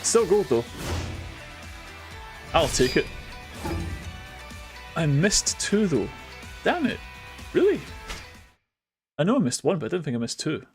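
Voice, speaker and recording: A male streamer talking through a game in a loose, joking way, dropping swears and addressing his chat. His voice sits slightly high and bounces around a lot, with faint game music underneath. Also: very animated, unhurried, long pauses. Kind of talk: casual gaming commentary.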